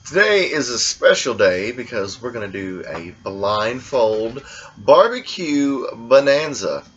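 A man hosting a casual blindfolded taste test, talking in a relaxed, rambling way. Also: medium pitch, slow, dull audio. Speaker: food vlogger.

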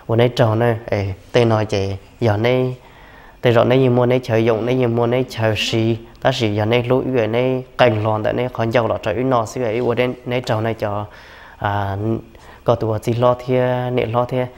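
A man's voice: medium pitch, level tone, a little fast, darkish tone. A young man hosting a home cooking vlog, chatting casually as he cuts meat, sitting on the floor indoors. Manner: chatty, explaining while cutting meat. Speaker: vlog host. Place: indoor home room, seated on floor mat.

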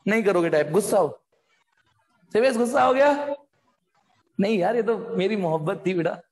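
Brief: very high-voiced male tutor, jokey and pushy, echoey room. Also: lively intonation, normal speed. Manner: playful, jokey, coaxing students to answer. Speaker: physics teacher. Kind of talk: live online class lecture.

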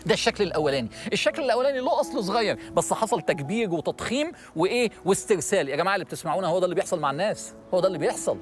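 Animated fast-talking Egyptian man teaching. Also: sits high, soft background music. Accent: Egyptian Arabic. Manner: animated, asks the audience questions, acts out worried people. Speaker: religious TV host and lecturer. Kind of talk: religious lesson to a studio audience.

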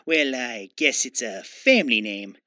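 Man playing a bright-voiced bemused little hobbit. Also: mid-range voice, expressive, slow, no room sound. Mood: incredulous. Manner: hesitant, dryly incredulous. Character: small, timid, bemused, polite hobbit. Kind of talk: cartoon parody dub.

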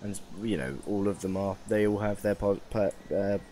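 Tired low-voiced gamer. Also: male voice, steady tone, normal speed, dark tone, slight background noise. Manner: rambling, self-mocking, chatty. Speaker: gaming YouTuber. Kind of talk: casual gameplay commentary.

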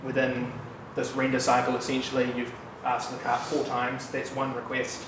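At a moderate pace, a medium-pitched New Zealander in his thirties delivers a casual developer talk at a meetup, easygoing and conversational, with frequent fillers and asides. He addresses an audience in a bright, loft-style office room. The room mic is set away from him, giving a distant, echoey sound with background noise.

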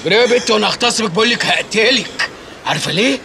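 A man's voice: high voice, animated, very fast, vocal fry, noisy background. A man with an Egyptian accent acting in a slapstick film comedy, blustering and mock-outraged. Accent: Egyptian Arabic. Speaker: comic film actor.

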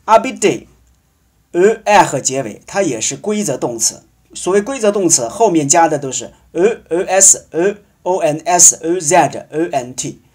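A man leads a language lesson, patiently spelling out endings and stretching each example word. His voice is slightly husky and sits a little high, and it rises and falls a lot as he talks. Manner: slow, patient explaining with drawn-out example words. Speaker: French teacher.

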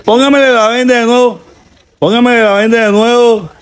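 A man with a Colombian Caribbean accent hosting a comedy prank game, teasing and laughing with shrill exclamations. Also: fairly even intonation, moderate pace.

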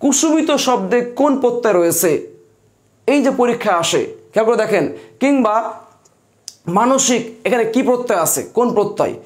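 A man's voice: very high voice, animated, fairly quick, long pauses. A man teaching grammar for exams, repeating instructions and answering his own questions. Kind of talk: exam-prep lesson.

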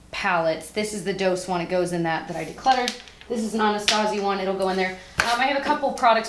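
A young adult woman with a mid-range voice chats to the camera for a casual beauty vlog, teasing herself and laughing often. There's background noise behind her.

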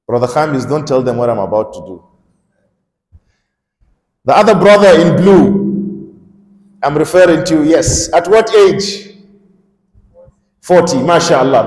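A man's voice: sits high, a little mellow. A middle-aged man from Nigeria giving an interactive Islamic lecture in a mosque, putting questions to the audience and speaking at a stand microphone. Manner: interactive, questions the audience, emphatic rising calls. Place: large mosque hall, indoors. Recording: echoey mosque hall reverb.

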